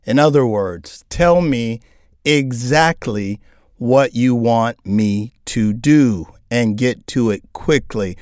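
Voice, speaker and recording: A man co-hosting a career advice podcast, telling stories in an animated way and acting out exasperated listeners. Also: medium pitch, takes it slowly, dry recording, studio quality. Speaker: co-host.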